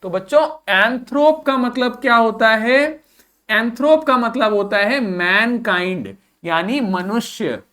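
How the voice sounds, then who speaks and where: Slow, patient man drilling pronunciation. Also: very high voice, sharp tone. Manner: repeats each word slowly and asks the class to say it back; patient, quizzing questions to the students. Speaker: English vocabulary teacher.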